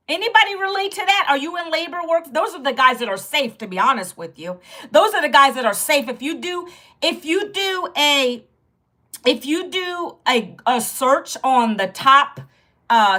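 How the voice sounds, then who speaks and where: Her high voice sounds pushed and bright as this fifty-something Virginian talks with livestream viewers about losing her job. She's chatty and direct, greeting people frequently, while dealing with a sore back and afraid of losing her voice.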